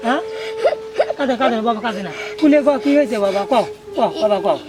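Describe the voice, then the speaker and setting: A woman acts out a soft-hearted village parent, coaxing a weeping child. The voice sits high and the words tumble out fast, circling back to the same soothing endearments. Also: music in the background, close to an everyday voice. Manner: coaxing, repeats endearments over and over. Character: tender rural parent soothing a crying son. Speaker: actor. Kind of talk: amateur village drama acting.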